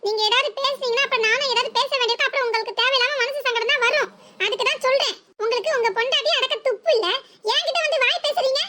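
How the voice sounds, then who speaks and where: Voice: very high-pitched, very fast. Someone voicing a taunting young village wife. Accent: southern Tamil Nadu. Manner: taunting, mocking. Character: sharp-tongued young village wife, defiant. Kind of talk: cartoon voice acting.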